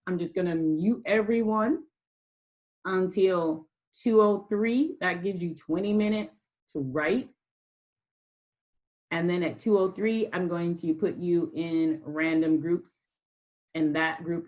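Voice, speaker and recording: Low-voiced woman teaching an online class. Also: rough recording. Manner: hesitant, many ums and restarts. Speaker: college writing instructor.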